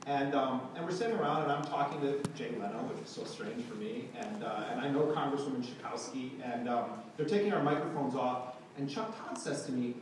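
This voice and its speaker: A journalist and author giving a talk to a live audience, telling an anecdote in a sardonic, indignant way. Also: male voice, medium pitch, expressive, brisk. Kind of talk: public speech, anecdotal storytelling. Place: lecture hall before a live audience. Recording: echoey hall, distant mic, background noise.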